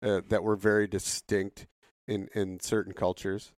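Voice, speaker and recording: Low-voiced male co-host. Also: flat delivery, measured pace, darkish tone. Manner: short, offhand remarks and questions. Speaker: podcast co-host. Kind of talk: casual podcast conversation.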